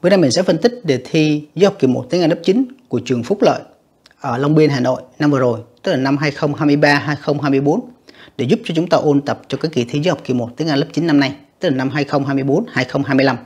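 Husky-voiced teacher. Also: mid-range voice, a little mellow. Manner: patient, repetitive explaining with frequent tag particles; reads English words slowly and carefully. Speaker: English teacher. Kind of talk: exam review lesson.

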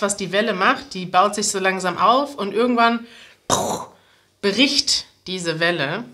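A woman's voice: mid-range voice, fairly bright tone. A woman, explaining jokes step by step to language learners. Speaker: language teacher and presenter. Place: small room indoors, seated at a table.

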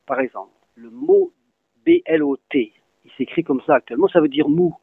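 Gravelly man explaining over a thin, phone-like line. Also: high voice, wildly swooping pitch, normal speed, dry recording. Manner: patient, spells out words letter by letter. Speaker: Breton language teacher. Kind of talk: explanatory interview answers. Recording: dry, phone-like lo-fi sound.

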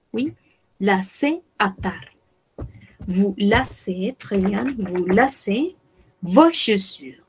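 Slow, careful French teacher woman. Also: a little high. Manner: slow, careful, repeating words for students. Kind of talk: bilingual online class, French and Spanish.

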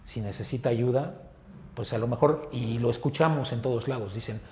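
A man with a Mexican Spanish accent, an animal rescuer, talking earnestly in an interview and often pausing on filler words. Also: medium pitch, a little mellow, a little hiss or hum. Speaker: animal rescue group founder. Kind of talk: casual interview talk. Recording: roomy echo with faint ambience.

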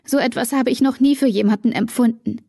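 A woman's voice: fairly high pitch, moderate pace, warm tone, breathy edge, no room sound, clean studio sound. A woman voicing an emotional teenage girl, tearful and torn, her voice rising and breaking.

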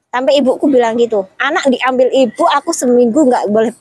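A woman's voice: fairly high pitch, brisk, breathy edge, dry recording, low-quality recording. A woman, talking casually as an interview guest and retelling her story with quoted dialogue and many restarts. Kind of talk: casual chat.

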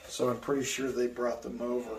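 Speaking a little fast in a level, medium-pitched voice, a man in his sixties tours guests through his indoor art studio. He rambles from story to story with lots of fillers, captured on a distant mic in a room that echoes, with faint hiss.

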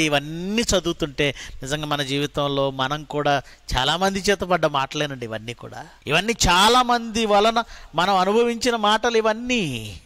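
High-voiced man preaching a sermon. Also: a bit bright, no echo. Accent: Telugu. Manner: preaching with rhetorical questions and dramatic Bible quotes. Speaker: pastor.

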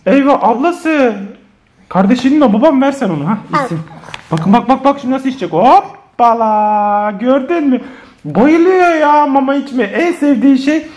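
A man's voice: very high-pitched, lively intonation, a little fast, darkish tone. A man talking to viewers in a casual family vlog, playful and often laughing. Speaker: family vlogger.

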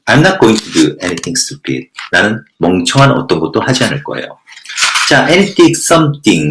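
Man, English teacher, lesson explanation, deep voice, lively rising and falling pitch, slow careful English lines, roomy echo. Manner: reads English lines slowly, then explains in Korean with rhetorical questions. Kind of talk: lecture reading and translating a textbook passage.

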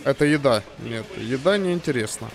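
A man's voice: medium pitch, lively intonation, moderate pace, gravelly. A man casually commenting on his game playthrough, muttering to himself and swearing as he plays. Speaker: let's play commentator. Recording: game music over the voice.

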